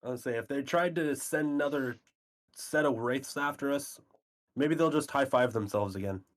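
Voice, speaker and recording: A man's voice: medium pitch, normal speed. A man chatting casually as a player in a tabletop game.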